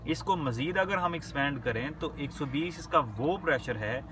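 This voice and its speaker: A male medical lecturer gives a recorded lesson. He reads English definitions slowly, then explains them in a conversational way and checks in often with short confirming words. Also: a little high, animated, far from the mic, background noise.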